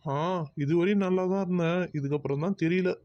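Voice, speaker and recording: A man's voice: high voice, brisk, dark tone, no echo, highs cut off, lightly acted. A man voicing an exasperated young man in a cartoon who dodges talk of marriage. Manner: exasperated, groaning asides. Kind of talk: cartoon voice acting.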